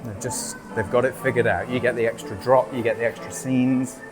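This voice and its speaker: A man's voice: medium pitch, steady tone, a little fast, over music. A man chatting casually to camera as he vlogs outdoors in a theme park, upbeat and self-mocking. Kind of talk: casual vlog chat.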